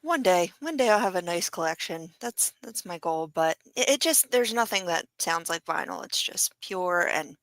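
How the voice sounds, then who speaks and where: A woman's voice: fairly low pitch, lively intonation, normal speed, few pauses, a bit bright, no echo. A woman, chatting casually as an enthusiastic, supportive podcast co-host. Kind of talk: casual live podcast chat.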